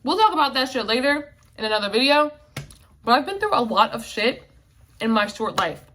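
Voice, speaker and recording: A woman's voice: a little high, big pitch swings, brisk, sharp tone. A woman in her twenties talking candidly in a casual vlog, with lots of fillers and swearing, emotional and near tears. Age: 20s. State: emotional, tearful at times. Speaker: vlogger.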